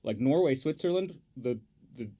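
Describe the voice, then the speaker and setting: A man's voice: mid-range voice, lively intonation, moderate pace, mellow. A man chatting on a podcast as the football pundit, opinionated and rambling, with lots of fillers and the odd swear. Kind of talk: casual chat.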